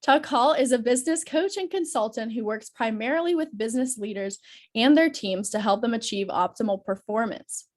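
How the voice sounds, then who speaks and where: A young woman with a stuffy, nasal voice from a cold reads out guest bios on a video call. Her pitch sits a bit high, and she talks in a friendly, steady way with the odd filler. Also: a little fast. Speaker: student moderator of a roundtable.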